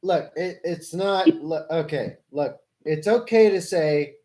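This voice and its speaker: A man's voice: fairly high pitch, slow pace, mellow. A man hosting a live stream, debating politics with a caller in an explanatory way, correcting and rephrasing as he goes. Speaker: livestream host.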